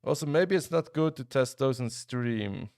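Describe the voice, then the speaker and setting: This is a young Swiss gamer talking to his viewers during a live stream, reacting to play and often restarting what he says. He has a mid-range voice with vocal fry and an unhurried, relaxed delivery. The audio is clean studio sound with no room sound.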